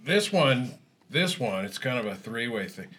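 A man filling in as host of a casual comedic chat show, talking in a dry, deadpan monotone. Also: medium pitch, normal speed, a crowd in the background. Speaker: fill-in host.

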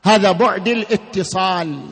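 Bright-voiced man lecturing in an echoing hall. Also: sits high, moderate pace, breathy edge. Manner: explanatory, asks and answers his own questions. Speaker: religious lecturer. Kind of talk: religious lecture. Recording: long hall reverb.

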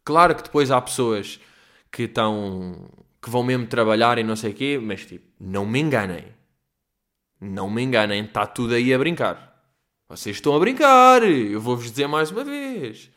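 A man with a European Portuguese accent hosting a solo comedy podcast from home, rambling and swearing, jumping between loud outbursts and low mutters. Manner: profane, digressive, mixes in English phrases. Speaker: podcast host. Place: at home in quarantine.

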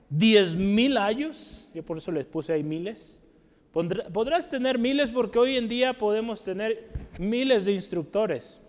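Man, high-pitched Bible teacher, stops often to check the room follows, long reverb of a hall. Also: darkish tone. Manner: asks the audience questions often, tag questions like "¿sale?"; explains word roots slowly, writing on a board. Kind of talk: Bible study teaching to a congregation.

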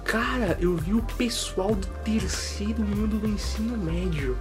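A man in casual chat, telling childhood school stories with animated energy and frequent laughter. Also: high voice, unhurried, over music.

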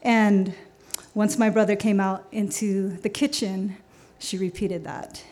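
A woman's voice: mid-range voice, steady tone, slow, darkish tone. An adult woman telling a personal story on a storytelling show, chatty, with fillers and wry laughs.

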